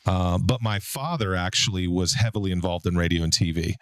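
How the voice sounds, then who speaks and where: A deep-voiced baritone man in his forties hosts a casual podcast, telling stories in a relaxed way with frequent fillers. He's a podcast host and business owner, and his delivery is brisk on a recording with no echo.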